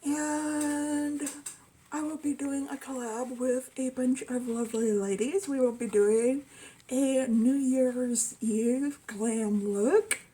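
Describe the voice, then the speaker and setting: A woman vlogger with a high, slightly husky voice talks through her beauty bag in an easygoing, unhurried way. She hesitates often and fills gaps with little fillers. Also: steady tone, warm tone, rough recording. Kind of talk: casual product review chat.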